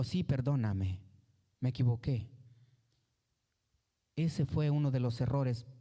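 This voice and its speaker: A man preaching a sermon, pleading with his listeners and rising high when he voices their complaints. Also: mellow. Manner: pleading, rises high when voicing complaints, drops low on "hermano".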